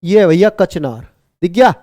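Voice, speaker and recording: A man teaching an online exam-prep class, brisk and repetitive, teasing and jokingly scolding his students. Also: high-pitched, animated, dark tone, no echo.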